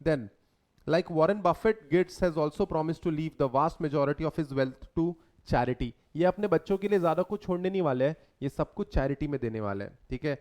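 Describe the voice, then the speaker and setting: A man's voice: on the high side, lively intonation, measured pace, a little mellow. A man teaching a lecture in a conversational way, often quizzing his students with questions. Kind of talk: lecture mixing Hindi and English.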